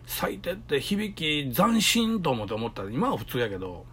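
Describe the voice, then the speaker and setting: Middle-aged man, Kansai accent, husky and animated; chatty solo storyteller. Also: on the high side, moderate pace. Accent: Kansai Japanese. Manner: chatty storytelling, acts out quoted voices. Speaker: solo podcaster. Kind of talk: casual solo talk.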